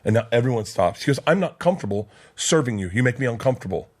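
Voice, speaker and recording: A man in his fifties telling a story in a casual podcast chat, fast, profane and worked up, acting out the people in it. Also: mid-range voice, lively intonation. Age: 50s. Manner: fast, profane, worked-up retelling with quoted voices.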